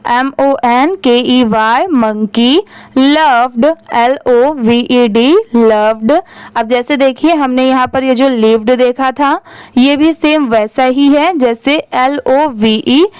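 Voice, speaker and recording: Slow, high-voiced woman teaching phonics. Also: clean tone, no echo. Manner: spells words letter by letter, then blends them slowly; asks and answers her own questions. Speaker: English reading teacher. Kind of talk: spelling-out phonics lesson.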